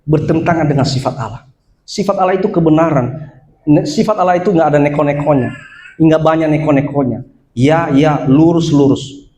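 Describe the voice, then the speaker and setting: A male pastor preaching a sermon at a church service, animated, moving from loud exhortation to quiet asides. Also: fairly high pitch, brisk. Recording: echoey church hall.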